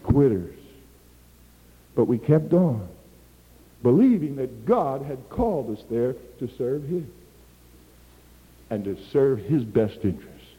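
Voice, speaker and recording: A man's voice: medium pitch, big pitch swings, slow pace, pauses often, long reverb tail, highs cut off. An older man, a missionary preacher, telling stories in a sermon and acting out the dialogue with animation. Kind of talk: sermon with personal storytelling.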